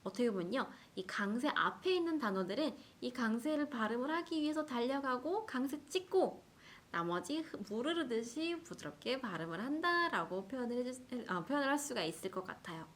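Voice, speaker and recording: A woman with a Russian accent teaching a language lesson, explaining patiently and slowing down to sound out example words. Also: on the high side, sing-song, a bit bright. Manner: clear, patient explaining with slow drawn-out examples. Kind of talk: scripted lesson.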